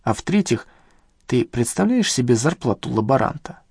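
Heavily acted, this man's audiobook portrayal of a grumbling, rueful elderly male professor is complaining and defensive, raised in pitch over the reader's own. His voice is sing-song, creaky and darkish with a breathy edge at normal speed, recorded with clean studio sound and no echo.

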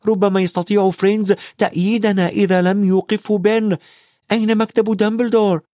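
A man's voice: high-pitched, flat delivery, fast talker, warm tone, no room sound, clean studio sound, pitched above the performer's own voice, close to an everyday voice. A man voicing an anxious young schoolboy who speaks in a raised, urgent, insistent way.

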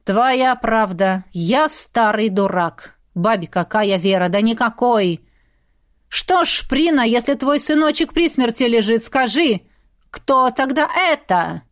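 A woman reading an audiobook voices a stern, bossy old man who heads a village, speaking gruffly and giving orders. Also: on the high side, lively intonation, measured pace. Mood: mocking. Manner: gruff, commanding.

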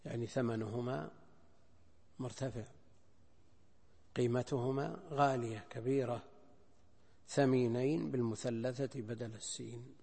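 An older man lectures on a classical text, slowly weighing alternatives and repeating his points. His voice is a little husky. The sound carries the long reverb of a large hall. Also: medium pitch, fairly even intonation, a little mellow. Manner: deliberate, repeats phrases and weighs options aloud. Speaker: Islamic scholar teaching hadith. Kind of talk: recorded lecture explaining a hadith text.

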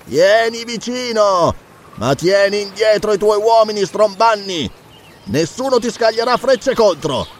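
A man's voice: high voice, animated, measured pace, a little hiss or hum, voice pushed up. Haunted nobleman with a trace of authority, played by a man, for an audiobook. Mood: commanding. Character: haunted proud older male count. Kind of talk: audiobook character reading.

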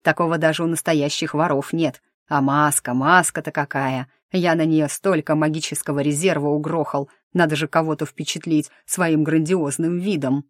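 A woman's voice: low voice, fairly even intonation, no room sound, clean studio sound, natural voice. A woman voicing a cheeky, theatrical young male dragon prankster who boasts and sulks, in a storybook reading. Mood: boastful. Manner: boastful, sulky, drawn-out complaints.

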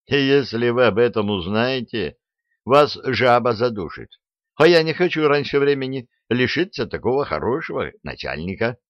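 A man's voice: mid-range voice, sing-song, moderate pace, no echo, lo-fi sound, pitched above the performer's own voice, natural voice. A man voicing a cunning, sly male double agent who tells his story with boastful relish.

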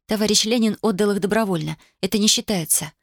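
A woman's voice: medium pitch, quick pace, dry recording, studio quality, pitched above the performer's own voice, close to an everyday voice. A woman reading an audiobook voices a playful, mocking teenage girl who teases her family. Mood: teasing. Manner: mocking, giggly, exclaiming.

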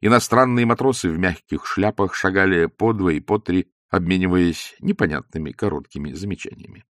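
A man narrating a novel as an audiobook in a measured, expressive literary style. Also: low voice, dry recording, clean studio sound.

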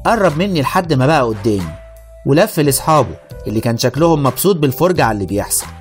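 A man with an Egyptian accent narrates a radio drama in the first person, telling his tale with a wry, lively edge. He moves at a quick clip over faint music. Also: medium pitch.

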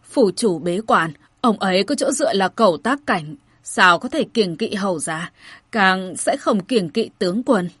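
A woman voicing a nimble old male steward who explains things quietly and patiently. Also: mid-range voice, expressive, unhurried, breathy edge, dry recording. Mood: placating.

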